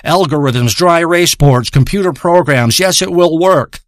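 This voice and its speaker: A man rambles through a crude comic monologue, wandering off into deadpan tangents and swearing constantly. His voice sits a bit high for a man. The sound is dry and close, with no room around it. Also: normal speed, no room sound. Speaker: comedic storyteller.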